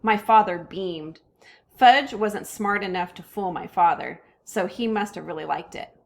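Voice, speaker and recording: A woman reading a children's chapter book aloud with expressive character voices. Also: mid-range voice, measured pace, creaky. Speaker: reader.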